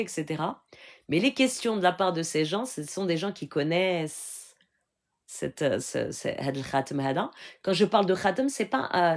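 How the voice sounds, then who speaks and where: A woman giving an earnest, instructive live question-and-answer talk. She switches often between French and Arabic and keeps checking in with her listeners. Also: medium pitch. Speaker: spiritual healer answering questions.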